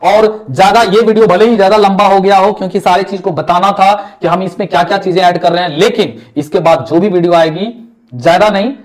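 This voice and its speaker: A man's voice: sits high, fairly even intonation, brisk. A young man with a Bihari Hindi accent teaching English vocabulary as a lecture, asking questions and answering them himself, repeating words. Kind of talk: classroom lecture.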